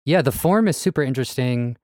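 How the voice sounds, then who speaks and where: A man's voice: mid-range voice, expressive, quick pace, a little mellow, no room sound, clean studio sound. A man co-hosting a music podcast, eagerly analyzing the structure of songs in casual chat. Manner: enthusiastic, analytical about musical form. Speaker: podcast co-host.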